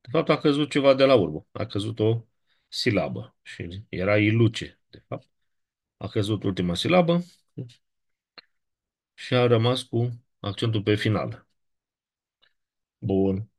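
A Romanian man teaching a Latin lesson, his voice low and husky. He explains step by step and keeps checking that the students follow. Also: sing-song, pauses often. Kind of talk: classroom lecture.

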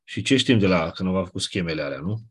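A man teaching a class, explaining step by step and often checking with quick questions. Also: deep voice, expressive, slightly rough. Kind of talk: classroom lecture.

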